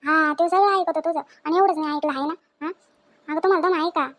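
A middle-aged woman with a very high voice, playing a scolding mother-in-law in a home drama. She fires off demanding questions at a fast clip. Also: fairly even intonation. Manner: scolding, demanding, quick-tempered.

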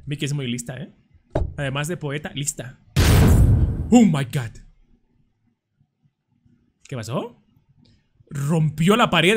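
A young man commenting casually and jokingly as he plays a horror game, breaking into panicked screams at scares. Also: fairly high pitch. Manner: chatty, jokey, screams in panic. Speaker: gameplay commentator.

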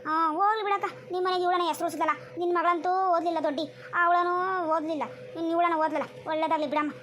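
A woman's voice: extremely high pitch, fairly even intonation, quick pace, a bit bright, a little hiss or hum. Woman voicing a gossipy village neighbor. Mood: teasing. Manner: gossipy, teasing. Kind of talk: cartoon comedy voice acting.

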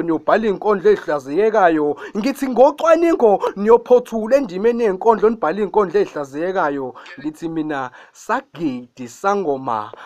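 A young man recites spoken-word praise poetry in a radio studio. His voice is high-pitched. He declaims with passion, close to the mic, in a chant-like delivery. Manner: impassioned, declamatory, chant-like refrains. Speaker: poet guest on radio. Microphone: studio condenser mic with foam cover, close.

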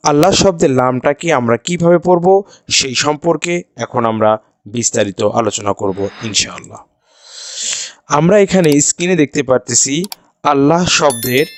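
A man's voice: medium pitch, no room sound, studio quality. A man teaching Quran recitation rules, patiently repeating each rule step by step and chanting the examples. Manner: chants the example words melodiously. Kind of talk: slow step-by-step tajweed lesson.

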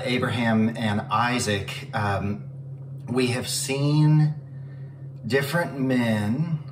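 An earnest young male pastor previews the coming sermon, talking straight to camera in a dining room at home. He speaks animatedly with his hands and pauses on fillers now and then. His voice sits at a middling pitch, picked up from some distance, with a roomy echo and a faint hum of ambience behind it.

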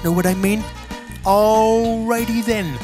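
A man playing a pushy, hyperactive male infomercial pitchman with a thick American accent, shouting his sales pitch. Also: steady tone, takes it slowly. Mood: frantic. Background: music.

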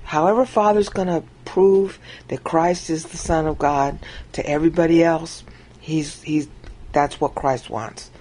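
A woman teaches informally from the Bible while a screen recording plays, voicing quotations with large leaps in pitch. She speaks at a measured pace in a steady, mellow tone, and the recording quality is low.

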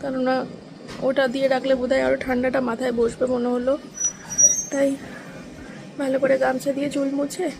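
A woman with a sore throat, talking quietly in a casual vlog, strained and tired. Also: high voice, flat delivery, normal speed, gravelly, long pauses, background noise. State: sore throat, struggling to speak. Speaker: vlogger, wife in the family vlog.

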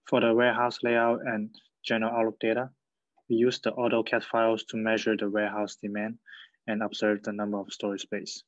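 Male student presenter, flat delivery, halting read, dry dull lo-fi recording. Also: on the low side, dry recording.

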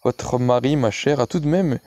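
A man's voice: mid-range voice, moderate pace, mellow, no room sound, lightly acted. A man voicing a proud, ruined young viscount who speaks formally and earnestly in an audiobook reading.

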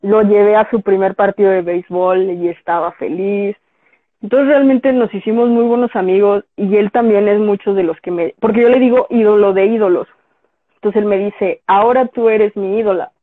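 Heard through a dry, tinny, phone-like recording, a woman with a Mexican Spanish accent speaks at normal speed in a mid-range voice. She's a graphic designer being interviewed, and she spins a casual, animated story, performing the lines of dialogue she quotes.

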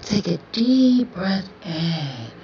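Slow breathy whispering woman, roomy and distant. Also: fairly low pitch, very animated, a little mellow. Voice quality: breathy, often slipping into whisper. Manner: slow, soothing yet commanding, repeats phrases. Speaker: roleplay audio performer. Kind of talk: whispered hypnotic roleplay ASMR. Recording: roomy, distant, dull lo-fi sound with faint hiss.

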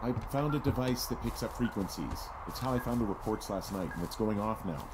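An actor playing a wry, cautious fire lookout with a dry, sardonic manner in a naturalistic video game. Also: male voice, on the low side, animated, a little fast, very noisy, natural voice.

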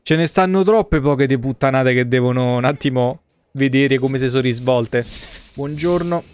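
The voice is a man's, mid-range and darkish, at normal speed, with a little hiss or hum on the track. He's an Italian streamer chatting through his gameplay in a relaxed, slangy way from his indoor setup.

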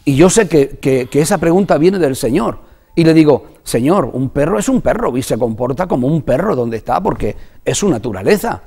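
Earnest Spanish pastor with a mellow voice. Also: male voice, a little high, animated, creaky, husky. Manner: earnest, halting, repeats words when moved. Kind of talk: personal testimony in a religious TV interview.

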